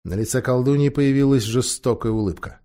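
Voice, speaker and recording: A man narrating a fairy tale audiobook with expressive, dramatic storytelling. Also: mid-range voice, a little fast.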